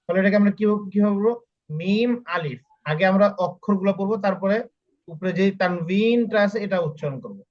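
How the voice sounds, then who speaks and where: Teaching an online Quran reading class, a man with a fairly high voice spells out each letter and patiently repeats every sound slowly for his students. The online call audio makes him sound dull and muffled.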